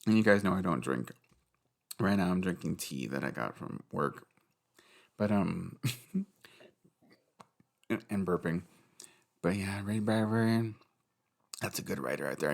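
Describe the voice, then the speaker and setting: A man's voice: low voice, creaky. A young man hosting a casual solo podcast, rambling and giggly, swearing freely. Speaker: podcast host.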